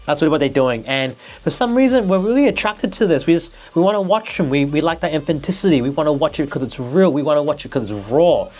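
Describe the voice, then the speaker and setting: A man's voice: on the high side, expressive, fast, hardly any pauses, darkish tone, faint music behind. A man, a nervous vlogger talking casually to camera with many restarts and fillers. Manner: hesitant, restarts and fillers, motivational.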